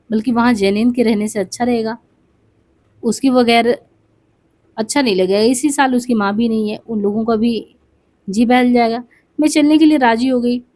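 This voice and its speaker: A woman's voice: a little high, darkish tone. A woman reading a memoir aloud for exam study, voicing its dialogue with small asides and restarts.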